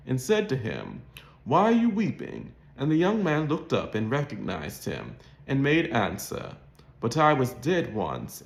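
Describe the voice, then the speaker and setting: Expressive man with a Mid-Atlantic accent. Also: mid-range voice, creaky. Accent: modern Mid-Atlantic. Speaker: host of an accent practice channel. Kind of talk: scripted read-aloud of a literary short story. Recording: roomy, echoing sound.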